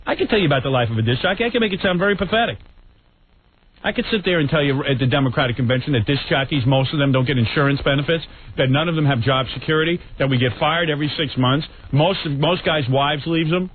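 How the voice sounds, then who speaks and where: A man hosting a radio show with casual comic banter and rants, blunt, sardonic and quick to interrupt. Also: fairly high pitch, slight background noise. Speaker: radio host and disc jockey. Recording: tinny, band-limited radio sound.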